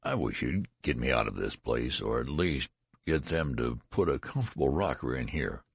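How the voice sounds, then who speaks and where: A man's voice: rumbling low, expressive, moderate pace, vocal fry, slightly rough, no echo, clean studio sound, heavily acted. A man voicing a querulous, weary old man with a cracked, weak, whining voice in a story reading. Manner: querulous complaining.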